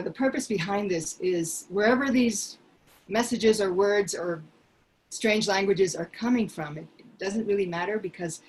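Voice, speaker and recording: An older woman from Peru, a singer, talking earnestly and reflectively from her living room on a video call, pausing often. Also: mid-range voice, rough recording. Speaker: singer sharing a song. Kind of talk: casual video call chat. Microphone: headset mic on video call.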